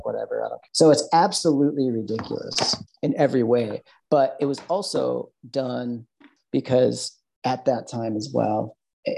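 A man's voice: mid-range voice, gravelly, darkish tone, husky, rough recording. A man with a Midwestern American accent, a podcast guest talking in a loose, rambling way with lots of fillers and restarts. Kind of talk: casual interview chat.

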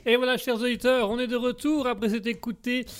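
A man's voice: very high voice, flat delivery, a little fast, soft background music. A man hosting a casual livestream show, playful and chatty, joking along with his guest. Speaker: host.

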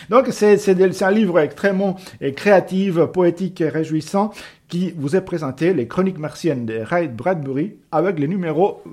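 A man's voice: a little high, darkish tone. A man presenting books in a casual, hesitant way, often searching for his words. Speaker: book presenter. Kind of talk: casual book recommendation.

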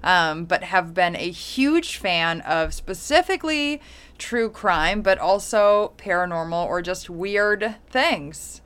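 A woman in her thirties talks casually as a podcast co-host. Her voice is clear and smooth with touches of vocal fry, and she takes her time over her words. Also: lowish voice, expressive, slow pace, fairly bright tone. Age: 30s.

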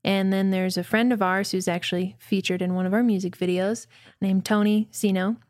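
A woman from New Mexico, a musician being interviewed, telling a story in a lively way and acting out the quotes. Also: mid-range voice, moderate pace, dry recording, clean studio sound. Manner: lively, acts out quotes with voices. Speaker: musician guest.

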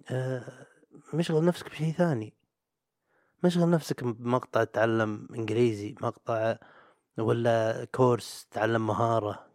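A man's voice: medium pitch, no room sound, clean studio sound. A young man, hosting a solo podcast in a rambling, chatty, self-mocking way. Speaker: podcast host. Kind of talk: solo casual podcast monologue.

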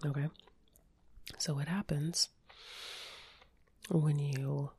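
A woman doing a whispered and soft-spoken ASMR ramble, chatting casually while she eats, close to the mic. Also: deep voice, steady tone, drawn-out words, slightly rough, no echo. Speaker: ASMR channel host.

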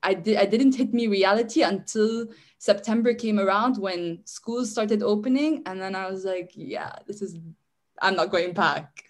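A young Syrian woman, a guest in a casual interview, speaks at a moderate pace in a mid-range voice. She's chatty and rambling, restarting often and saying "like" a lot.

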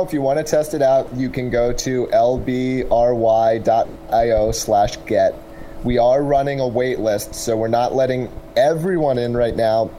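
A man giving casual, explanatory interview answers as a tech startup representative, pausing to pick his words. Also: mid-range voice, dark tone, a little hiss or hum, poor audio.

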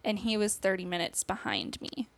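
A woman's voice: mid-range voice, sing-song, moderate pace, gravelly, dry recording. A young woman guest on a podcast, telling a personal story in casual conversation, laughing nervously and acting out what people said. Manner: acts out quoted dialogue.

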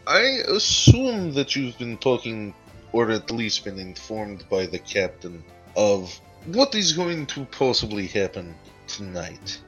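Bright-voiced man playing a tabletop game. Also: lowish voice, sing-song, takes it slowly, faint music behind, poor audio. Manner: formal, hesitant, with fillers. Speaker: player. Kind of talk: in-character tabletop role-play.

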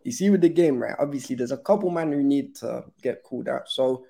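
A man's voice: mid-range voice, a little fast, gravelly, dark tone. A man with a London roadman accent bantering casually about football in street slang. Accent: London, urban street style. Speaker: football fan panellist.

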